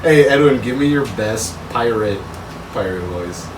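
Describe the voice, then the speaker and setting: A man's voice: fairly low pitch, lively intonation, measured pace. Laughing man, roomy and noisy. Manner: laughs a lot, swears, teasing. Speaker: podcast co-host. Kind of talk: casual chat. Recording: echoey room, mic at a distance, loud noise.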